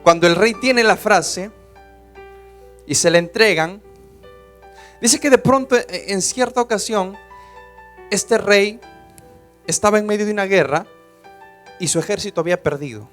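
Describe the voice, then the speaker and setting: Un pastor que predica un sermón con pasión, alternando entre voz suave y fuerte. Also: male voice, high voice, measured pace, long pauses, faint music behind. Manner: passionate preaching, swings between soft and loud. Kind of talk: sermon.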